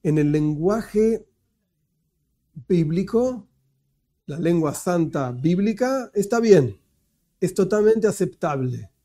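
An Argentine man teaches a lesson from slides, his voice sitting a little high for a man yet soft and mellow in tone. He explains step by step and pauses to correct himself aloud. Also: animated. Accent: Argentine Spanish. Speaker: religious teacher. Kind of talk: lecture with slides.

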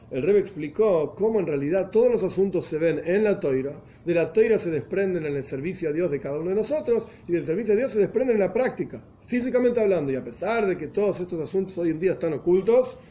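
A man's voice: fairly high pitch, mellow, slight background noise. A man teaching a religious text, explaining step by step and often rephrasing himself as he goes. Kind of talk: explanatory lesson in Spanish with Hebrew and Yiddish terms.

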